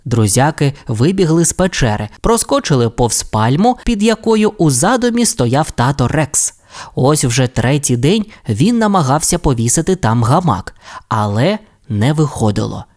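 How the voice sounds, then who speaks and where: Man reading a children's tale aloud, lively rising and falling pitch, friendly storyteller. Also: moderate pace. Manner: expressive, friendly address to the child. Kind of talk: scripted children's story narration.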